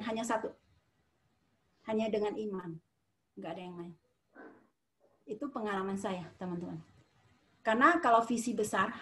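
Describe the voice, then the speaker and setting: A middle-aged woman from Medan giving a motivational talk to an audience, emphatic and repetitive, swinging between loud and quiet. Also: high-pitched. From Medan, Indonesia. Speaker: motivational speaker.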